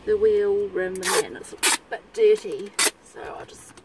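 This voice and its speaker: Beside a car on a suburban roadside, a woman vlogs outdoors in a casual, matter-of-fact way. She speaks unhurriedly in a mid-range voice, with traffic and road noise around her.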